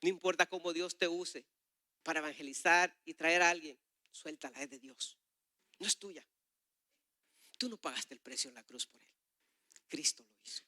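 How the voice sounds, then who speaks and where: A middle-aged man preaching a sermon, telling a personal story with passion, swinging between loud and soft. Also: fairly high pitch, normal speed, pauses often, no echo, clean studio sound.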